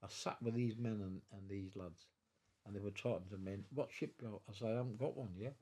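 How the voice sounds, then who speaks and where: A man in his nineties from England recounts his past in a low, mellow voice. He speaks haltingly, restarting and repeating words, and his voice carries emotion throughout. The interview was recorded in his own home. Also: fairly even intonation. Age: 90s. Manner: emotional, tearful at times. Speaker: war veteran interviewee. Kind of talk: personal storytelling interview.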